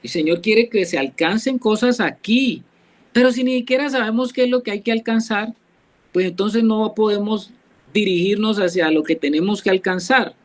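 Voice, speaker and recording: A man's voice: sits high, normal speed, low-quality recording. A man with a Colombian accent leading a Bible study, explaining verses patiently and asking the group questions. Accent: Colombian Spanish. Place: church, class also joined online.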